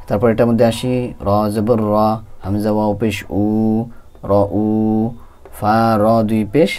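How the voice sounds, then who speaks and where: A man teaching Quran reading. He spells out letters and vowel marks step by step, then recites the words slowly. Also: on the low side, warm tone.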